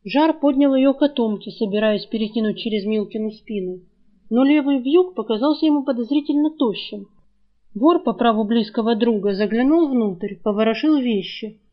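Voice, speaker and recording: A woman reading fiction aloud in even, scripted storytelling narration. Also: a little high, normal speed. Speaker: audiobook reader. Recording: dull lo-fi recording.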